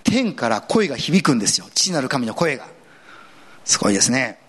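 A man's voice: fairly quick, breathy edge. A man pastor giving an earnest sermon in a conversational way, with casual asides mixed in. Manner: earnest, conversational preaching with lively swings in pitch.

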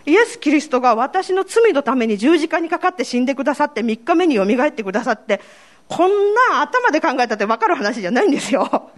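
A woman's voice: sits high, big pitch swings, fast talker. A woman with a Kansai accent giving a personal faith testimony to a congregation, telling her story in a candid, self-deprecating way. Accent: Kansai Japanese. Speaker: church member giving testimony.

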